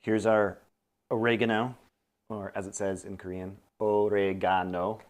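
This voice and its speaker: A man's voice: lowish voice, fairly even intonation, normal speed. A man hosting a casual cooking stream, explaining each step aloud with dry, teasing humor. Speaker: cooking show host.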